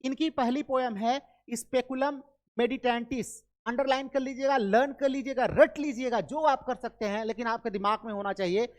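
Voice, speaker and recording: An Indian woman teaching an exam-prep literature lecture, mixing Hindi with English terms. Her voice sits a little high. She drills each fact over and over and keeps throwing quick questions at her students. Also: steady tone. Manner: drills facts by repetition and quick quiz questions.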